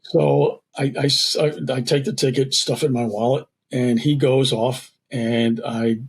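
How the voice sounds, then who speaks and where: Male guest, New York native, slightly husky voice, animated storyteller who acts out the people in his stories. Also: mid-range voice, a little slow. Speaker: guest theatre director. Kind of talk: casual storytelling in a podcast interview.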